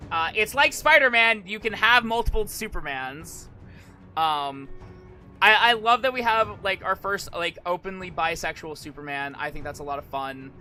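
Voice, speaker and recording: A man's voice: sits high, animated, moderate pace, bright, forceful tone, soft background music. A man streaming casual live commentary, rambling and hesitant, often repeating and restarting his phrases. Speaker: streamer, virtual YouTuber.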